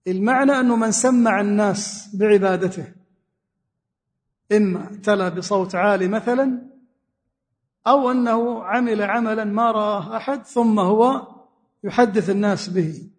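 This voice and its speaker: A man's voice: high voice, normal speed, pauses often. A man teaching a religious lesson in a mosque, explaining a text word by word and repeating key phrases. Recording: long reverb of a mosque hall.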